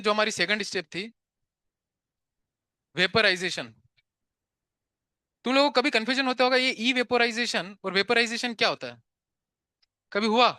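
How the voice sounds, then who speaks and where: Bright, high-voiced man teaching a class. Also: smooth, no echo, clean studio sound. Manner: chatty, scolds students to pay attention; mixes English terms into Hindi. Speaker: physics teacher. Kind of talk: live classroom lecture.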